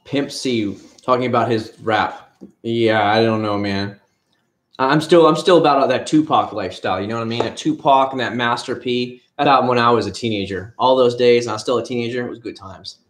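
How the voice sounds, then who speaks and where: A man's voice: medium pitch, a little fast. A man from Florida chatting casually on a livestream, rambling and retelling his conversations. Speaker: livestream host. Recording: echoey room.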